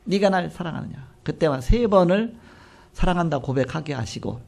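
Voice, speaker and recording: Gravelly-voiced Korean pastor preaching. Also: male voice, on the high side, moderate pace. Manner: animated storytelling, acting out quoted dialogue. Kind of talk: sermon.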